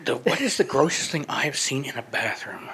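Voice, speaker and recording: A man's voice: mid-range voice, big pitch swings, normal speed, sharp tone, slightly rough. A man co-hosting a podcast in casual banter, rambling with lots of restarts. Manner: rambling, many restarts and fillers. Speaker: podcast co-host.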